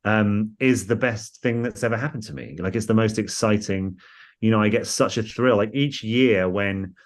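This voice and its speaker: A man's voice: on the low side, normal speed. A man with a posh English home counties accent, chatting in a rambling, self-deprecating, enthusiastic way as he tells stories in an interview. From England, home counties. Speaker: interview guest, football club staff. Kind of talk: casual conversational storytelling.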